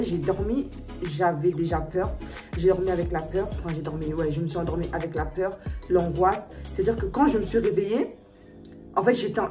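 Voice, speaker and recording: Recorded on a distant mic, a young woman with a lowish voice chats casually to her viewers in a storytime vlog. Recounting something personal, she gets emotional, repeats herself and fills her speech with fillers and restarts.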